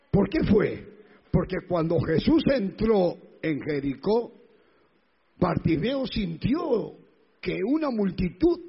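A man's voice: high voice, creaky, slightly rough. A male pastor preaching a sermon emphatically, with rhetorical questions and repetition. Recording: echoey hall, dull lo-fi sound.

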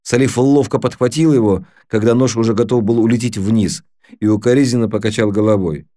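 Low, dark-voiced male audiobook narrator. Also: steady tone, brisk, no room sound, studio quality.

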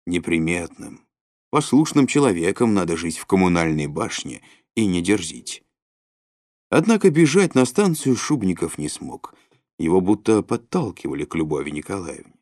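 A man reads a literary novel aloud in a lower voice. His pitch swings widely and expressively. The recording is dry and close. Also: normal speed, dry recording. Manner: expressive, with sudden rises and drops in pitch. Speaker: audiobook reader. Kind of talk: literary audiobook narration.

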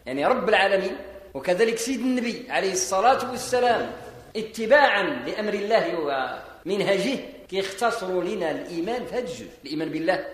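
A Moroccan man with a fairly high voice delivers an explanatory sermon, moving between formal phrasing and dialect. He leans hard into emphatic rises. His voice rings through a large hall with a long, heavy echo. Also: animated, fast. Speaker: Islamic preacher. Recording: echoey hall with long reverb.

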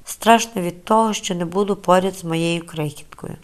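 A frail young pregnant woman, as an audiobook narrator puts her on, with a soft, trembling voice pitched a little low. She pleads tearfully and sounds fragile. It is a storybook reading of a quiet, scared figure. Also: moderate pace, close to an everyday voice. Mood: frightened, pleading.

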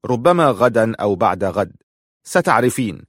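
A man's voice: lowish voice, sing-song, normal speed, no room sound, clean studio sound. A man playing a stern impatient nobleman. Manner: curt, impatient.

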